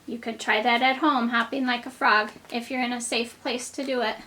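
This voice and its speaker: A woman's voice: fairly high pitch, steady tone, moderate pace, bright, forceful tone, a little hiss or hum. A woman reading a children's book aloud as a teacher to very young children, with simple explanations, questions and asides, as if reading to a toddler. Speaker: kindergarten teacher.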